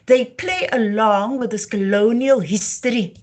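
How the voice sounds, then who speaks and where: With a fairly high pitch and a slightly slow pace, this woman hosts a live talk from Namibia. She grew up speaking Afrikaans, and her heritage talk is impassioned and declamatory.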